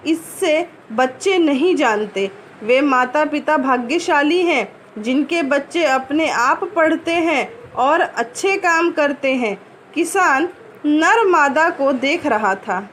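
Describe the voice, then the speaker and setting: A woman with a high voice reads a school story slowly, pausing to ask what words mean and then answering herself. A faint hum of background noise sits under her voice. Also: fairly bright tone. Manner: pauses to ask and answer word meanings. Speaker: teacher. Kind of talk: reading a story aloud and explaining words to pupils.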